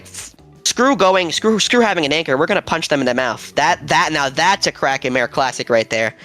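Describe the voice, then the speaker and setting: A young man casting a competitive video game match, excitable and jokey, shouting at players on screen. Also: fairly high pitch. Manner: hype, shouts at players, laughs often. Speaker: esports caster. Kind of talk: excited play-by-play commentary.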